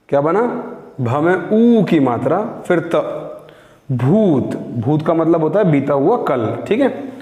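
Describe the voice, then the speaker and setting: A male teacher giving a beginners' reading lesson, drawing out each syllable slowly and patiently prompting learners to repeat after him. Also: fairly high pitch, mellow. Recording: echoey room with long reverb.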